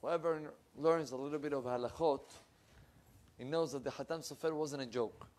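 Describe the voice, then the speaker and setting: Wearing a lapel microphone, the young rabbi leads his Torah class at normal speed in a higher-pitched voice. He's animated throughout, with sweeping changes in pitch and loudness and busy hand gestures, set against wood panelling and bookshelves.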